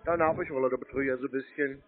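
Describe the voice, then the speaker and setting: Speaking fast at a medium pitch with fairly even intonation, a man prank-calls phone scammers as a scambaiter. He taunts and insults the other side in a mocking, provocative phone argument, heard through muffled, lo-fi call audio.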